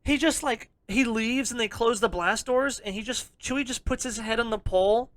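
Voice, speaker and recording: An excitable podcast co-host rambles through a casual chat, swearing freely. The voice sits at a middle pitch and comes across close and dry, with no room sound around it. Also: moderate pace, dry recording.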